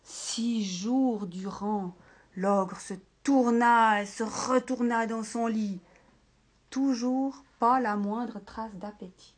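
Slow, expressive woman reading a picture book. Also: on the high side. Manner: expressive, dips to whispered asides.

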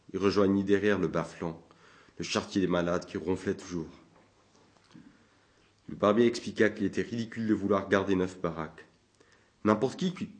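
Homme grave lisant un roman. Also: male voice, low-pitched. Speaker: audiobook narrator. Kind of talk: scripted narration.

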